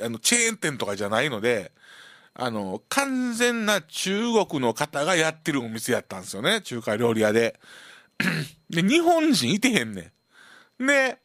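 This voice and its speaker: A man's voice: mid-range voice, no echo, studio quality. A man with a Kansai accent hosting a radio show, telling a casual story and acting it out with sound effects. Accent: Kansai Japanese. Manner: animated, full of sound effects and acted-out voices. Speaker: radio host. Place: community radio studio.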